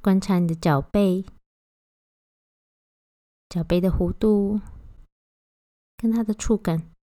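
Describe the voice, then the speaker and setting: A woman guiding a body-scan meditation, giving gentle, unhurried instructions with long pauses between phrases. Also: mid-range voice, dry recording, studio quality. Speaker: meditation guide.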